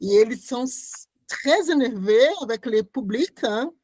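Woman, artist, non-native speaker, slow and halting, frequent restarts, dry close sound. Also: on the high side, animated, warm tone, dry recording. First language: not French. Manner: halting, searching for words, many restarts. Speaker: artist describing her performance. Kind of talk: conversational interview talk.

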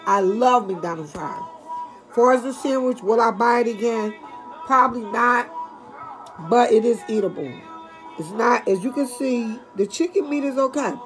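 An older woman reviewing fast food in casual chat, talking straight to her viewers. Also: fairly high pitch, soft background music. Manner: chatty, talks straight to viewers.

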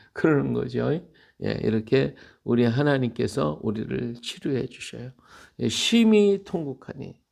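A man with a deeply gravelly, creaky voice preaches at a middle pitch. He talks to listeners in a plain conversational way, leaning on repeated phrases to press his point with heartfelt emphasis. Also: animated, a little slow, darkish tone. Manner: earnest, repetitive, emotional emphasis. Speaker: Bible teacher. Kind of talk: conversational sermon on a Bible reading.

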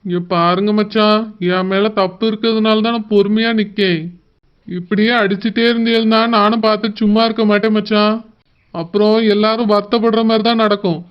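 A man's voice: high voice, level tone, fairly quick, clean tone, dull audio, lightly acted. A man playing a young village groom who apologizes and explains himself, with a Kanyakumari accent. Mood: pleading. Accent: Kanyakumari Tamil. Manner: pleading, apologetic.

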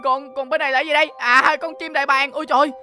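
A woman hosting a Minecraft role-play, excitable, often shouting and stammering. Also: high-pitched, very fast. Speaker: game role-play host.

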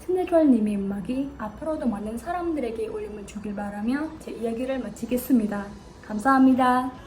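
Young Indonesian-accented woman, high-pitched voice. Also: brisk, darkish tone. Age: young adult. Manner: formal, rehearsed presenting. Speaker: speech contest participant. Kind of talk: prepared contest speech. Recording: clear background noise.

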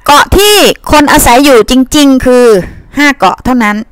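A woman's voice: high voice, moderate pace, clean tone, dry recording. A woman teacher giving a reading lesson in a chatty way, asking her pupils questions and answering them herself. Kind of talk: reading-comprehension lesson to students.

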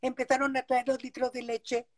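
Older Mexican woman with a high voice reminiscing. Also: little pitch movement, moderate pace, a crowd in the background. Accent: Mexican Spanish. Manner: warm nostalgic storytelling with frequent affirmations. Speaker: interview guest, actress. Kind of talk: casual reminiscing. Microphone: video call.

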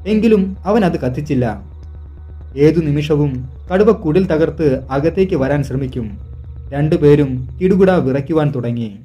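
A man from Kerala narrates a scripted hunting tale in a steady, suspenseful manner. His voice sits a little high and has a mellow, dark tone. Faint music plays beneath the narration. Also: unhurried, lo-fi sound. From Kerala, India. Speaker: storyteller.

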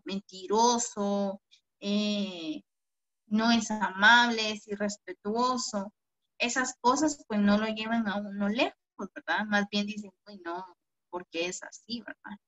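A woman primary school teacher giving an online class to children, gentle and affectionate, often ending phrases with a questioning "¿verdad?". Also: mid-range voice, fairly even intonation, slow. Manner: affectionate, calls pupils "mi amor". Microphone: video call. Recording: dull lo-fi video call audio.

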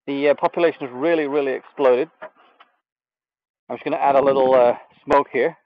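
A medium-pitched man talks briskly while hosting a live stream in a bee yard, inspecting a hive in a relaxed, hesitant way with many fillers. His off-frame camera mic yields a dry recording with dull audio.

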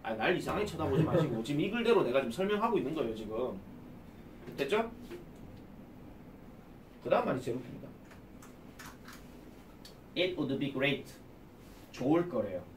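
This male academy English teacher's voice is mid-range and sing-song, moving at a normal speed with long pauses. He lectures on a reading text, asking students questions and supplying the answers himself, recorded at a distance in an echoey classroom with a light hiss or hum.

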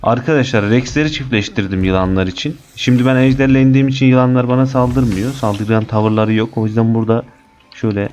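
A man giving casual, chatty commentary on his gameplay as a channel host, excitable and cursing lightly at the creatures. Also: medium pitch, fast.

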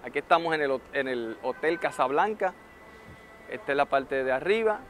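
A man giving motivational advice in a vlog, warmly encouraging the viewer and calling them friend. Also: medium pitch, lively intonation, normal speed, a little hiss or hum. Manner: acts out nervous beginners' voices in quotes. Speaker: network marketing motivational speaker. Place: hotel, ends showing a rooftop view.

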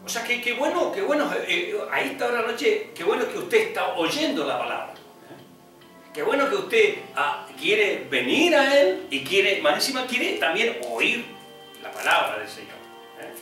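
A man, an evangelist preaching a sermon emphatically, often rising high on repeated phrases and adding "¿eh?" asides. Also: big pitch swings, a little slow, pushed and bright, soft background music. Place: church. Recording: echoey hall, heard from a distance.

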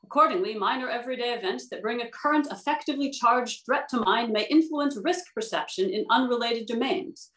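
Reading research papers aloud in a formal manner and answering panel questions, a woman speaks fairly quickly with hardly any pauses. Her voice is a little high and a bit bright. She's in an indoor room on a tablet video call, and the audio sounds roomy.

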